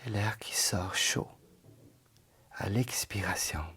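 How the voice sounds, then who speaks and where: The voice here is a man's, low, husky and heavily breathy, as he guides a yoga nidra meditation. Calm and unhurried, he frequently sinks into a soft half-whisper.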